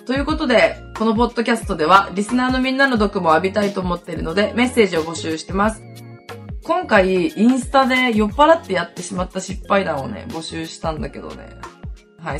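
A woman hosting a podcast, telling stories in blunt, casual slang and acting out the quotes. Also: medium pitch. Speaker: podcast host. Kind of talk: casual storytelling chat.

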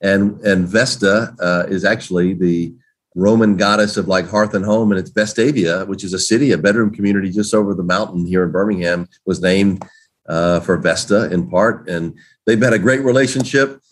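A man answering interview questions in a folksy, relaxed way, with many fillers and restarts. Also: low-pitched, moderate pace. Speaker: guest, games organizer.

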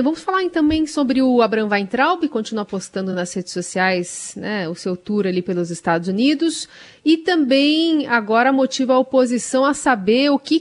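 A woman hosting a radio talk show, asking brisk questions full of tag questions. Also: fairly high pitch.

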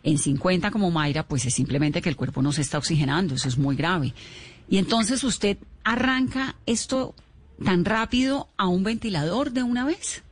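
A woman's voice: on the low side, expressive, moderate pace. A woman hosting a radio interview, asking questions and stopping to explain things for the listeners.

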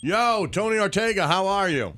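A man's voice: high voice, expressive, moderate pace, fairly bright tone, dry recording. A man co-hosting a podcast, chatting in an informal, blunt way. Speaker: podcast co-host. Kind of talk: casual chat.

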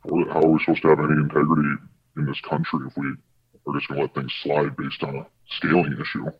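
Man with a disguised, very deep altered voice. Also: level tone, husky. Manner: matter-of-fact, halting with fillers. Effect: electronically altered, very deep disguised voice. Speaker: postal worker whistleblower. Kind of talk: answering interview questions in a recorded clip. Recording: muffled lo-fi video clip audio.

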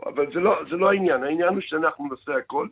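A man with an Israeli accent who is a sports official being interviewed on live radio, arguing his case insistently and repeating words and phrases. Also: fairly high pitch. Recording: tinny narrow phone-like line.

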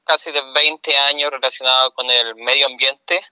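A middle-aged man with a Chilean accent, a guest answering interview questions in an earnest, explanatory way with pauses mid-phrase. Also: medium pitch, steady tone, bright, forceful tone, smooth, dry recording, poor audio. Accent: Chilean Spanish.

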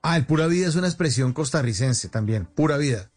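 A man's voice: a little high, lively intonation, fast talker. A man with a Colombian accent hosting a call-in radio show, chatting playfully and asking questions. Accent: Colombian Spanish. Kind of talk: lively call-in radio chat.

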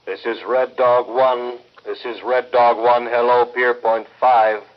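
A man's voice: mid-range voice, little pitch movement, unhurried. An actor playing a male navy task force captain, speaking in clipped radio procedure over a two-way radio transmission. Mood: formal. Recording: muffled distant radio sound.

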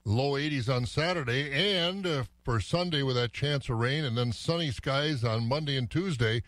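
A man's voice: mid-range voice, normal speed, fairly bright tone, no room sound. An American man hosting morning radio, rambling casually and musing aloud in a folksy way, in a dry studio. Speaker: morning farm radio host. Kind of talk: casual radio chat and weather report.

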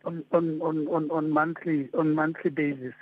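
A South African man calling in to a radio show over a phone line, asking hesitant, halting questions. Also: fairly high pitch, little pitch movement. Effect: heard over a phone line. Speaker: radio caller.

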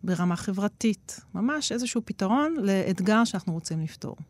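A woman's voice: medium pitch, expressive, darkish tone, no room sound. A woman being interviewed as an expert, explaining at length with frequent hesitation fillers. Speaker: guest expert on nature-inspired innovation.

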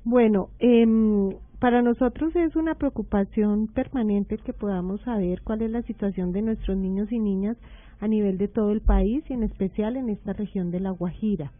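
A woman speaks as a government official on the radio, formal and measured in her answers. Her voice is dry, with no room sound, and comes through a thin, phone-like band. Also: mid-range voice, no room sound. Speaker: government nutrition director, radio guest. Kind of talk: radio interview.

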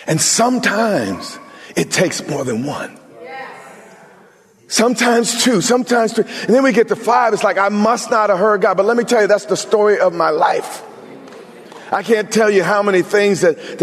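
A man's voice: high voice, big-room sound. A male pastor preaching an emphatic sermon, talking straight to his congregation with humorous asides.

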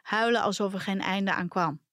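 A woman reading a first-person personal story aloud for a podcast, in a calm, measured storytelling manner. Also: medium pitch. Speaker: podcast reader.

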